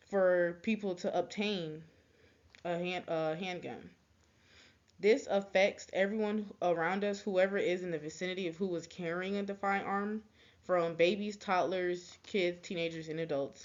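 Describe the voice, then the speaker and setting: A young woman giving a persuasive class speech, halting, with many ums, restarts and quick apologies. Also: lowish voice, dull audio.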